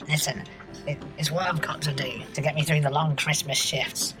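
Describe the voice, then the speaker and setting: A man's voice: on the high side, fairly even intonation, moderate pace, over music, pitched above the performer's own voice, natural voice. A man voicing a scheming, mischievous male elf from the North Pole in a comedy podcast sketch. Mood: sly. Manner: sly and mischievous, relishes sabotage.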